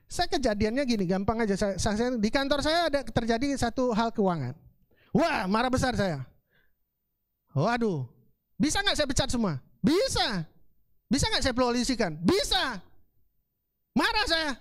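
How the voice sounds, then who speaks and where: A woman with a Palembang accent preaching a sermon in a colloquial, animated storytelling way. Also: on the high side, moderate pace, long pauses, no echo. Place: church service.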